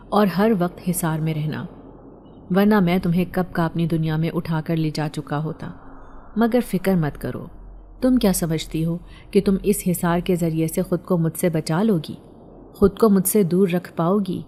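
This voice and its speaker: This is a storybook reading. A possessive male serpent in human form speaks with quiet menace, and his voice sits low and soft-edged, as a woman storyteller reads his part. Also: natural voice. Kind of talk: storybook narration.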